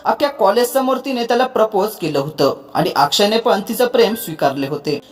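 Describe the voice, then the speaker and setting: A man's voice: high-pitched, expressive, a little fast, soft background music. A narrator doing a teasing young man. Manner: playful, boastful.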